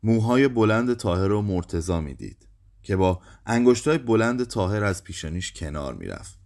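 A man reading a short story aloud, lively, raising his voice for the quoted lines. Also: fairly low pitch, creaky. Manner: lively, acts out quoted speech with raised voice.

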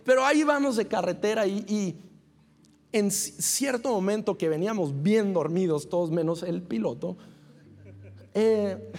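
High-voiced pastor preaching in a hall. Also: male voice, measured pace. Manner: animated, laughing storyteller. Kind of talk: sermon with a personal story. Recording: reverberant hall.

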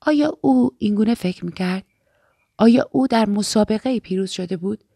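A woman reading a novel aloud as an audiobook narrator, calm and measured. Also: medium pitch, vocal fry, husky, dry recording, studio quality. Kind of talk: scripted narration.

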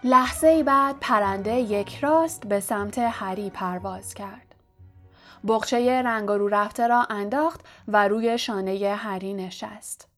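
A woman narrating an audiobook chapter in a calm, steady storytelling manner. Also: medium pitch, soft background music.

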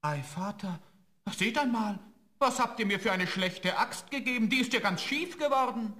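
A man's voice: high voice, expressive, normal speed, pushed and bright. A young man playing a clever, cheeky student, firm with a spirit and polite to his father, in a fairy-tale radio play. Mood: coaxing. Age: young adult.

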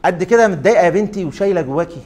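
A kind old basketball coach speaks gently and quietly, as a man reads his lines. The words come soft and warm in tone, in a fairly high voice. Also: animated, rapid-fire. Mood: gentle.

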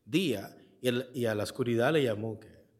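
A man preaching a Bible exposition sermon in a church, reading scripture verse by verse and pausing to ask the congregation to fill in the key word. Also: medium pitch. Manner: asks the congregation questions and leaves the answer word for them to fill in; reads scripture aloud and explains it verse by verse. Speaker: pastor.

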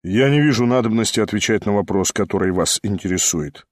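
A man voicing a cold, aloof aristocrat who answers curtly in a low mutter. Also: normal speed, no echo, clean studio sound, close to an everyday voice. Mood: contemptuous.

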